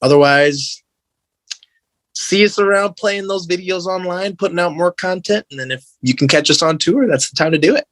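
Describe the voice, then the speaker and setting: Heard with no room sound, a man with a high, somewhat bright voice speaks at a moderate pace. He's an American band guitarist from the Midwest, being interviewed on a podcast and chatting casually and sincerely, with slangy wording and frequent "like."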